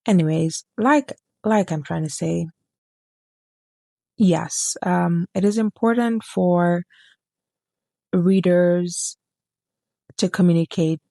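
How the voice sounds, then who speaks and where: A woman's voice: on the low side, takes it slowly, creaky, long pauses, mellow, no echo, studio quality. A woman book reviewer chatting casually to camera, rambling, getting sidetracked and correcting herself as she goes.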